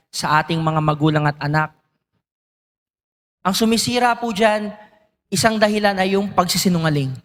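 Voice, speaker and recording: A man's voice: high voice, a bit bright, long reverb tail. A male preacher giving a sermon in church, often asking the congregation questions. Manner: engaging, asks the congregation questions.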